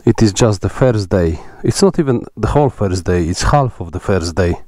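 A man's voice: fairly low pitch, expressive, normal speed, mellow, no echo, clean studio sound. A man, chatting casually and exclaiming at the scenery while riding a motorcycle outdoors, recorded on a helmet mic. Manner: awed, exclaiming at views. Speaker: motorcycle vlogger. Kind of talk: casual ride commentary. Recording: engine and wind noise.

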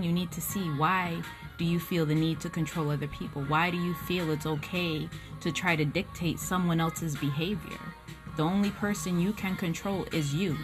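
At home in a small room, a young woman with a low voice gives a casual spoken tarot reading close to her phone camera while music plays underneath. She's frank and blunt, swears freely, and fills her talk with "um" and "like."

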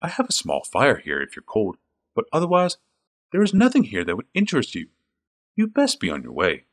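A man reading the part of a calm, confident old wizard in a fan audiobook, low and measured. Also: breathy edge, exaggerated voice. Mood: calm warning.

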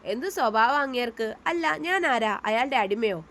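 A woman's voice: a little high, animated, normal speed, a bit bright. A woman voicing a sulky, defiant young bride-to-be who pouts and protests. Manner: pouting, indignant.

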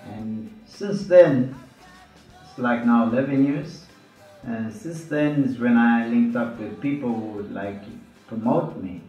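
A man in his thirties, a musician from Zambia, answering interview questions in a relaxed, unhurried way with fillers. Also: medium pitch, dull audio. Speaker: musician guest. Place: small studio room, indoors. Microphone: studio mic on stand, headphones. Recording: roomy, slightly distant mic with music underneath.

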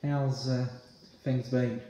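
Slow and warm, with a mid-range, level voice, a young adult Australian ham radio operator chats informally using radio lingo. The phone mic sits at arm's length in a small room, giving the audio a roomy echo and a touch of hiss.

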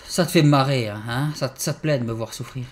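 A young man hosting a horror game let's play, excitable and swearing, yelping in fright and then muttering to himself. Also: medium pitch, fairly quick. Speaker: gaming channel host.

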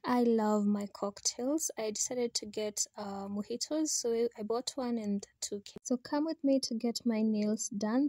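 A woman's voice: on the high side, darkish tone, no echo, studio quality. A young adult woman with a Kenyan accent, chatting to viewers in a casual voice-over for a travel vlog. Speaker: vlogger.

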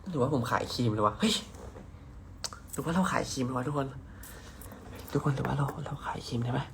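A young man from Nakhon Si Thammarat in southern Thailand hosts a casual live stream on his phone, reading viewer comments aloud with playful teasing and casual swearing. His voice sits on the high side with some vocal fry, and there's slight background noise.

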